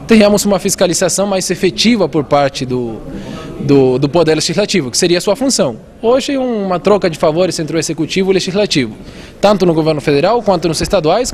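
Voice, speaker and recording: A man raised in Argentina, explaining civic oversight earnestly as an interview guest. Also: sits high. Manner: earnest, explanatory, with many restarts and fillers. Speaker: civic watchdog representative. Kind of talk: interview answers.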